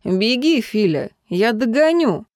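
A woman's voice: on the high side, big pitch swings, slow, darkish tone, dry recording. Lady doing a young guy, stubborn and terse, clipped orders, dry sound. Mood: determined. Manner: terse, cold, determined. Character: stubborn young male graffiti artist.

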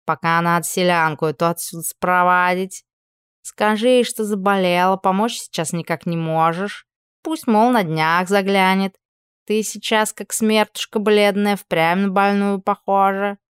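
A woman voicing a bossy talking house cat who speaks in an unhurried, gruff way. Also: mid-range voice, fairly even intonation, no echo, clean studio sound, lightly acted.

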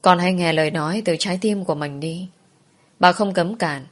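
A woman reading as a kindly elderly grandmother in a spoken story. She talks softly, in a slightly low voice, and coaxes gently and patiently. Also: fairly quick, close to an everyday voice. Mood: coaxing.

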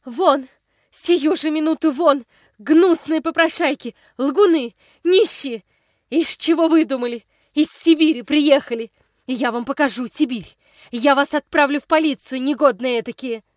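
A high, piercing voice belongs to this feverish, hostile aunt, who screams in frantic bursts, voiced by a woman reading the story aloud. The sound is dry and close. She is thin, suspicious and quick to rage. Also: dry recording. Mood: furious. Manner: shrieking, frantic shouting.

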